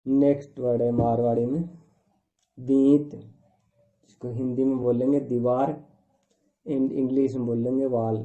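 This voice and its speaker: A man giving a slow, methodical vocabulary lesson, stating each word and then its meanings in a steady, repetitive pattern. His voice sits at an ordinary middle pitch. The sound is thin and narrow, like a phone line. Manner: slow, repetitive listing of words with translations. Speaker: language teacher. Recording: tinny phone-like recording.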